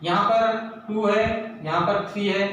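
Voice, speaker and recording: Male maths teacher, slow deliberate delivery; echoey room, distant mic with faint hiss. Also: high-pitched, fairly even intonation, fairly bright tone. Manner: slow, stretches English terms, asks and answers own questions. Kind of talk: blackboard maths lesson, Hindi mixed with English.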